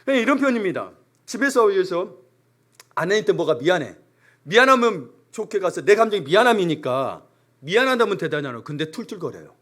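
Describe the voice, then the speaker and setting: A man's voice: high voice, fairly quick. A male pastor preaching a sermon in a church, speaking with emphasis and briefly acting out the voices of ordinary people. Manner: animated, emphatic, briefly acts out everyday complaints. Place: church sanctuary.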